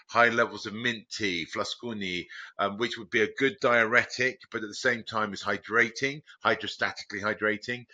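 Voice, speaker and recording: A man from Crete, a biotech founder guest, talking casually and rambling with many restarts and animated jumps in pitch. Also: muffled recording. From Greece, Crete. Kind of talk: casual conversational explaining.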